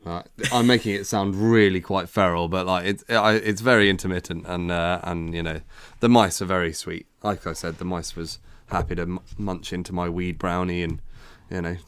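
A man's voice: deep voice, fairly even intonation, normal speed, few pauses, a bit bright, clear, resonant tone, no room sound. A man co-hosting a podcast, chatting casually in a rambling, hesitant way with many restarts. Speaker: podcast co-host. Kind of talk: casual chat.

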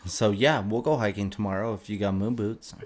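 A man's voice: fairly low pitch, fairly quick, slight background noise. A man from Utah in casual chat, joking bluntly and swearing often. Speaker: podcast guest, bartender.

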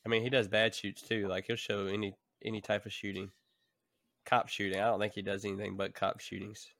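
A man's voice: lowish voice, little pitch movement, fairly quick, a bit bright, no echo, studio quality. A man co-hosting a casual podcast chat, rambling and laughing between thoughts. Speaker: podcast co-host.

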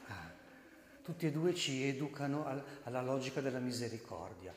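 A priest giving an animated sermon, breaking into loud, emphatic bursts and asking his listeners direct questions. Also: mid-range voice, moderate pace, slight background noise. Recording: echoey hall with long reverb.

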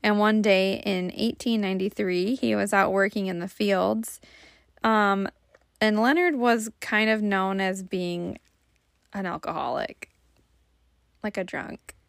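Chatty Michigan woman with vocal fry. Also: medium pitch, unhurried, no echo, studio quality. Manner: chatty, lots of fillers and laughs. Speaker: podcast co-host. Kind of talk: casual storytelling chat.

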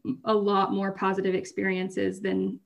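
A woman's voice: medium pitch, completely flat delivery, normal speed, creaky. A woman co-hosting a podcast, talking casually in a rambling way, often cutting herself off and laughing through hard stories. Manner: rambling, self-interrupting, laughs while telling hard stories. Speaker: podcast co-host.

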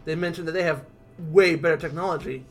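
A man's voice: on the high side, fairly even intonation, brisk, faint music behind. A man co-hosting a podcast in casual, joking chat. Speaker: podcast co-host.

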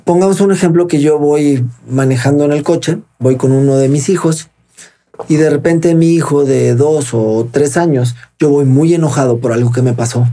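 Husky, earnest man explaining. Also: a little high, normal speed, dark tone. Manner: earnest, explanatory, acts out quoted dialogue. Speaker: guest expert on child protection. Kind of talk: interview explanation.

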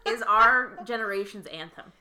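A woman's voice: medium pitch, normal speed, a crowd in the background. A woman co-hosting a podcast in casual chat, laughing easily and saying "like" often. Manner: animated, laughing, fillers like "like". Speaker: podcast co-host.

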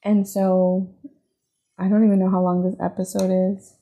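A woman hosting her own podcast, talking gently and encouragingly in a reflective solo monologue, often asking "right?" and "you know". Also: mid-range voice, level tone, moderate pace. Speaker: podcast host. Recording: phone-like narrow sound.

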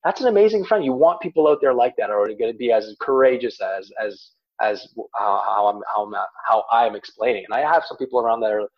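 A man's voice: fairly low pitch, a little fast, hardly any pauses, husky, dull audio. A man speaking as a life coach in a podcast chat, emphatic and repeating words as he makes his points. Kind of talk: podcast guest talk.

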